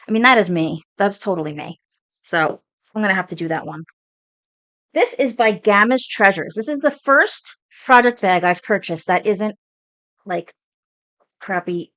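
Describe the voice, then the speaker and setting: A chatty woman in her forties with a Brooklyn accent talks through her craft projects, rambling happily from one piece to the next. Her voice sits at an ordinary middle pitch, and the sound is dry and close with hardly any room to it. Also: no room sound. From Brooklyn, New York. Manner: chatty, rambling, excited about her stitching. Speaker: cross stitch vlogger. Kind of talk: casual show-and-tell chat.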